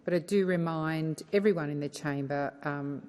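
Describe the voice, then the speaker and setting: A woman's voice: sits low, normal speed, darkish tone, slight background noise. A woman with an Australian accent presiding formally over parliament, firmly keeping order among interjecting senators. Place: large indoor parliamentary chamber. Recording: echoey parliamentary chamber.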